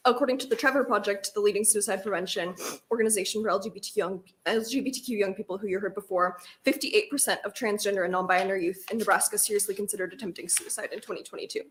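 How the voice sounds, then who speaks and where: A woman's voice: medium pitch, a bit bright. A young woman reading a firm, earnest prepared testimony to state senators.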